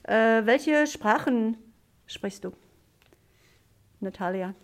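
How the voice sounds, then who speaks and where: Hosting a classroom podcast, this German teacher from Germany poses simple questions slowly, leaning on plenty of fillers. Her voice is on the high side and expressive.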